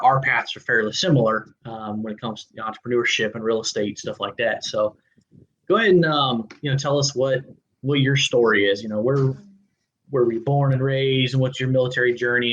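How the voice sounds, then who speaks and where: A man hosting a podcast, chatting in a relaxed, friendly way with easy fillers, recorded in a home studio on a boom-arm mic. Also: dull audio. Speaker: podcast host. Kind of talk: casual interview conversation. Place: indoor home studio room. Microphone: large studio mic on a boom arm.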